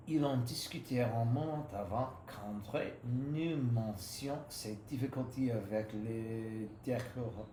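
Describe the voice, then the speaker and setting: A man reading aloud at a very slow, halting pace and often stopping to correct himself. His voice sits at an ordinary middle pitch. The room is echoey, with a faint hum of background noise. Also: mellow. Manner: hesitant, halting, self-correcting. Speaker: language learner reading aloud. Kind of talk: reading practice session.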